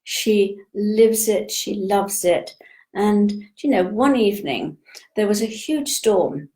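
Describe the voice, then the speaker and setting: Slow, gentle older woman. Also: medium pitch. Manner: slow, gentle, unhurried, with frequent pauses. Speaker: spiritual teacher hosting a live session. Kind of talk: live-stream talk, greeting viewers.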